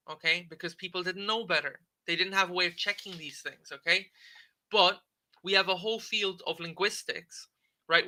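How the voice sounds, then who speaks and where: Reading a text aloud and commenting on it for his livestream audience, a debate host gives a loose, conversational lecture. His slightly high voice is very bright and forward, and he keeps adding "okay?" to his points and "um" to his pauses.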